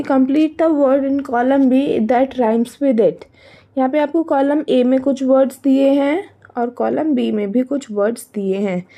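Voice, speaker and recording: A woman's voice: high-pitched, mellow. A woman with an Indian accent teaching young children from a workbook, switching between Hindi and English, asking questions and answering them herself. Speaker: primary school teacher.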